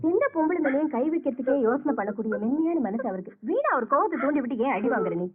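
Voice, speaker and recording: An actress playing a composed young woman who talks smoothly and persuasively to calm others in an old film drama. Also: high-pitched, fast talker, music in the background. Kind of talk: film melodrama acting. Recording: tinny lo-fi old film soundtrack.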